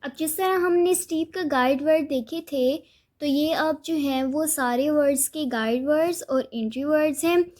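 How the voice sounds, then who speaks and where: A woman's voice: high voice, moderate pace, darkish tone. A woman teacher explaining a school vocabulary lesson step by step, patient and repetitive with small hesitations. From South Asia.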